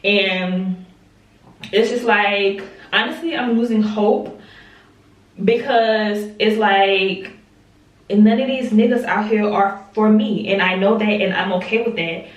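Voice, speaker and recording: A young female vlogger with a mid-range voice talks slowly and candidly to the camera, a lozenge in her mouth. She swears freely and stretches out her words, and the audio sounds roomy and distant with faint noise.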